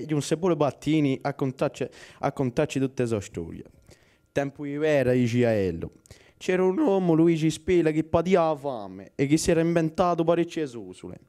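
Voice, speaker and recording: Animated young Corsican storyteller, mellow tone. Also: male voice, a little high. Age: young adult. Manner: animated, voices the characters in dialogue. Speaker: student storyteller. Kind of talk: telling village stories.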